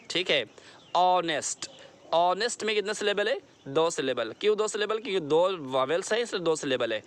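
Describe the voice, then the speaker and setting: A man's voice: on the high side, a bit bright. Patient man teaching grammar. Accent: Indian English. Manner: patient, repeats words slowly and checks understanding. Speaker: English teacher. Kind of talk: explaining a grammar lesson.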